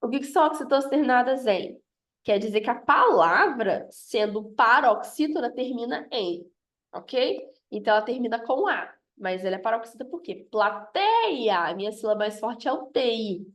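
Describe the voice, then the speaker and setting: A woman's voice: a little high, animated, normal speed, fairly bright tone. A woman teaching a grammar review lesson, explaining step by step and often checking in with "ok?".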